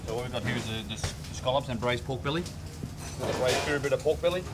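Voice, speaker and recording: A man's voice: mid-range voice, fast talker. A male head chef talking informally about kitchen work, blunt and matey. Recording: noisy kitchen background.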